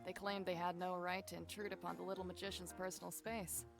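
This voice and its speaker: An actress voicing a composed, proud adult female violinist in game dialogue, telling her story with measured, dry disdain. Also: on the low side, flat delivery, gravelly, faint music behind. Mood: wry. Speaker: violinist character.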